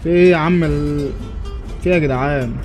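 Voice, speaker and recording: Music plays in the background as a young man with an Egyptian Arabic accent narrates his playthrough in let's play style. He's a fast talker with a fairly high voice, joking and bantering with the characters.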